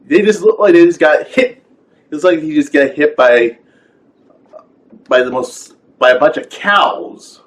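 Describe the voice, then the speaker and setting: A man's voice: on the high side, lively intonation, unhurried, pauses often, rough recording. A man giving a rambling, casual rant as a film reviewer, full of fillers and exasperated rhetorical questions.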